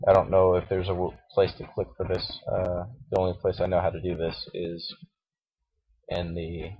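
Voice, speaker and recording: A man with a groggy morning voice, talking through a software tutorial casually and hesitantly, with many fillers and restarts. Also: low voice, monotone, normal speed. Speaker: tutorial host. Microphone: cheap computer microphone. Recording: dull lo-fi mic with faint hiss and mouse clicks.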